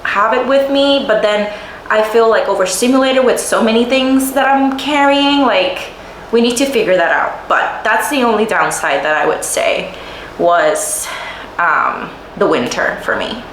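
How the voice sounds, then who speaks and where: A young woman from Puerto Rico giving a chatty life-update vlog, animated, often laughing and full of "like" fillers. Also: on the high side, unhurried. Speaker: vlogger. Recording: roomy echo, faint room noise.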